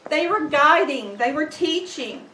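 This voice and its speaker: A woman reading a heartfelt funeral tribute at a graveside in measured, deliberate phrases. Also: sits high, animated, bright, forceful tone. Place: outdoor graveside, far from microphone. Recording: distant, echoey, faint background noise.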